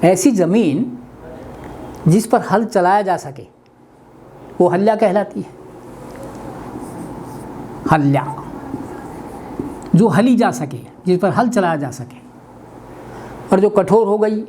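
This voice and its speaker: An older man from India giving a weekly webinar lesson on language, speaking deliberately and spelling out words. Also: high voice, mellow, slight background noise. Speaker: Hindi language teacher. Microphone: webinar computer mic.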